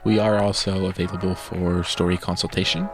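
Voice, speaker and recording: Over music, a male podcast co-host chats casually and with enthusiasm, using many fillers. His voice sits low, with a level tone and brisk pace.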